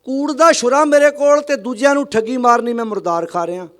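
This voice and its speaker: A man preaching a sermon to a congregation, emphatic and questioning, calling on listeners to answer aloud and chanting scripture lines slowly. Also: very high voice, a bit bright. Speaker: Sikh religious preacher.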